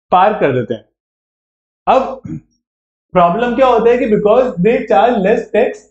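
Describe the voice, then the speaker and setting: With a high-pitched, darkish voice and an Indian English accent, a man teaches a live online class preparing students for a law entrance exam. He keeps things chatty, checking in frequently with tag questions, and the sound is dull and lo-fi with room echo.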